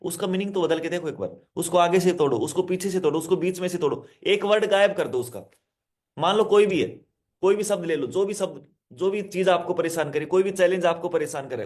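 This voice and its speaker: Male hypnotherapist, somewhat high voice, instructive self-help lesson, repeats each point and speaks straight to the listener. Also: a little fast, darkish tone. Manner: repetitive, instructive, addresses listener directly; explains with simple word examples.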